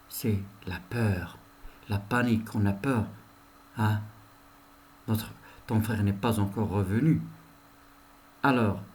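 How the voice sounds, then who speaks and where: A male teacher walks his pupils through a lesson at a very slow pace, repeating each sentence and then explaining it. His pitch swings widely, rising sharply at each new item and sinking low when he gives the answer. He talks straight to the class and praises answers as if he heard them. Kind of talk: recorded language lesson.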